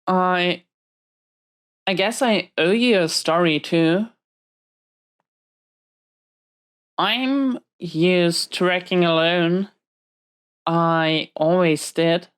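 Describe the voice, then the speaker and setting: A woman's lowish voice is clear and resonant as she plays a supervillain in prison who is protective, hot-tempered, and tender. Talking to an unseen listener in an intimate roleplay, she is defensive and hesitant, sounding vulnerable.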